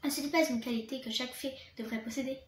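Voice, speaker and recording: A woman playing a warm-hearted headmistress from a storybook, calm and gentle in her judgment. Her high voice carries through a roomy space. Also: quick pace, slight background noise, lightly acted. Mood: earnest. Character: kind gentle female school headmistress.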